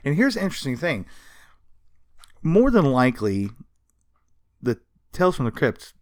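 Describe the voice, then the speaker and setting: With a sing-song, mid-range voice at normal speed, this man co-hosts a podcast and tells pop culture history informally, adding plenty of emphasis. The sound is studio quality with no echo.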